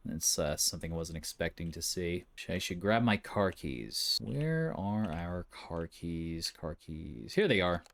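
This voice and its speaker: Low-pitched male let's player, joking and muttering his way through a game. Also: animated, unhurried, creaky, few pauses, fairly bright tone. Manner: jokey, mutters to himself while playing. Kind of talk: casual gameplay commentary.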